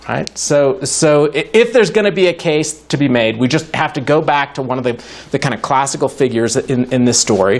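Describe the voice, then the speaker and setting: A man giving a university lecture to a live audience in a hall, wry and joking, thinking aloud with frequent restarts. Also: fairly high pitch. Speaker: guest lecturer in philosophy.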